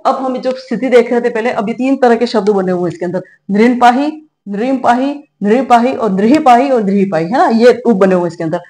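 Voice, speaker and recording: A middle-aged woman with a slightly high voice teaches a grammar lesson. She explains each step patiently and often pauses to check that her students are following. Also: warm tone. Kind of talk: classroom-style grammar lesson.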